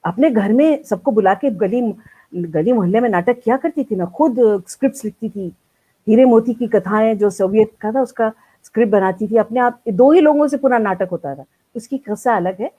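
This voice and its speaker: An older woman, a veteran theatre artist, telling stories from her life in a lively live-streamed interview and acting out the lines she quotes. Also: a little high, moderate pace, slightly rough, low-quality recording. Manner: animated, acts out quoted lines.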